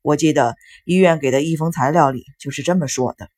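A calm middle-aged father who gently coaxes his family along, as a woman reads him. The voice drops below her own and keeps a breathy, husky softness. It is storybook reading. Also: deep voice, fast talker, voice pushed down. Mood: coaxing. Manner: mild and conciliatory.

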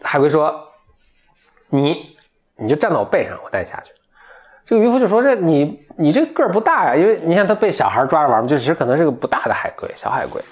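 A man's voice: on the high side, sing-song, fast talker, dull audio. A man casually retelling a folk tale to a friend, lightly voicing the characters and laughing along. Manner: chatty, voices the characters lightly, laughs at the story. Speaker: storyteller.

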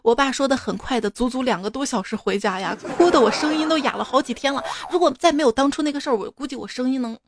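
A woman's voice: high-pitched, fast, hardly any pauses, noisy background. Chatty woman host telling jokes. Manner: chatty, teasing asides to the listener. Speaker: radio-style host reading listener jokes. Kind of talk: comic storytelling to listeners.

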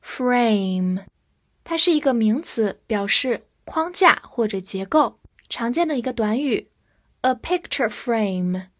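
Slow, high-voiced woman teaching English words. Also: animated. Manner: spells words letter by letter and repeats them slowly. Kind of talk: slow, clear vocabulary lesson.

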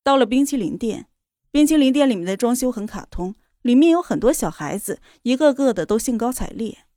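A woman reading a romance novel aloud in a steady, even storytelling voice. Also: a little high, fairly quick, no room sound, studio quality. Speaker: narrator. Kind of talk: scripted novel narration.

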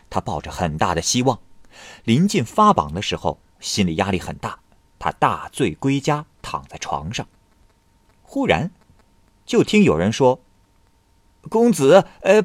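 A man narrating classical ghost tales in an expressive, dramatic storytelling manner. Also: lowish voice, dry recording.

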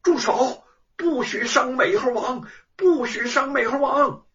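A man playing a proud, defiant male scholar at court, loud and pleading by turns, on a dull, distant lo-fi recording. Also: a little high, sing-song, slow pace, full character voice.

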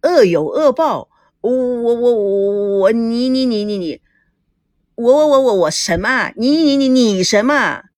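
A flustered young man who stammers and yelps, his voice jumping high and all over the place, as a woman storyteller puts him on. The sound is dry and close, with no room around it. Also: expressive, measured pace, darkish tone, no echo. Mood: stammering. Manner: stammering, yelping.

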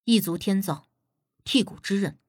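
A woman voicing a calm, reserved young man who speaks tersely and quietly in old-fashioned phrasing, in an audiobook reading. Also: medium pitch, normal speed, pitched below the performer's own voice, close to an everyday voice.

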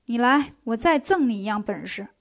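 A woman's voice: on the high side, animated, normal speed. A woman voicing a female bodhisattva who scolds and teases in a bossy way. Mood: coaxing. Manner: bossy, teasing, at times hushed.

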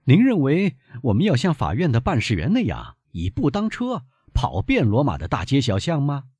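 A man reading aloud, voicing an impulsive, spirited young gentleman who exclaims eagerly. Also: medium pitch, huge pitch swings, normal speed, breathy edge, dry recording, pitched above the performer's own voice, full character voice. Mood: headstrong.

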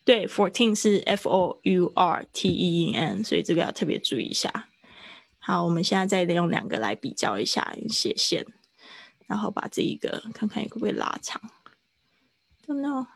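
A woman teaching a live online English lesson, explaining at length and stretching out words slowly to demonstrate them. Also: on the low side, big pitch swings, creaky, no echo. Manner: slow, drawn-out pronunciation demonstrations. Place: online class.

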